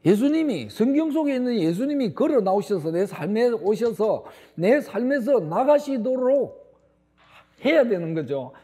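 A man's voice: sits high, very animated, moderate pace, few pauses, mellow, slightly rough. A middle-aged male pastor delivering a sermon, stressing words emphatically and turning to the congregation with asides.

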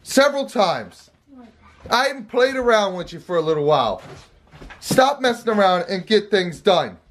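A man's voice: high-pitched, sing-song, normal speed, fairly bright tone, a little hiss or hum. A middle-aged man, a father, talking casually and crudely in a family vlog, scolding and swearing a lot.

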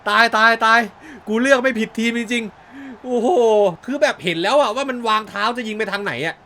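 A man giving casual, excitable commentary over his own football video game match. He swears freely, laughs a lot, and shouts at big moments. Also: very high voice, a little fast, a little hiss or hum. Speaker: gaming YouTuber. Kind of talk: live gameplay commentary.

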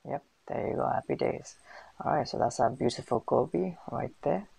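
A man's voice: medium pitch, normal speed, gravelly, a little mellow, breathy edge, no room sound, rough recording. A man hosting a casual screen-recorded tutorial, chatty and full of fillers and slang. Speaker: host of a food business channel.

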